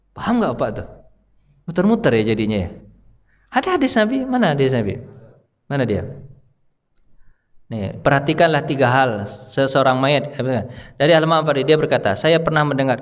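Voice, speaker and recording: A man's voice: sits high, fairly bright tone. Man preaching in an echoing hall. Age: younger than his audience. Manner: conversational, asks the audience questions. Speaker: Islamic preacher. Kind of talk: sermon. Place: hall with audience. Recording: long reverb of a hall.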